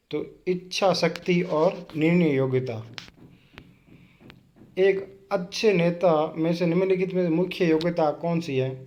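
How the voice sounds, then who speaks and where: A man's voice: on the high side, darkish tone, lo-fi sound. A man with a Rajasthani Hindi accent teaching an exam-prep quiz lesson. He reads each question, asks it back and answers it himself.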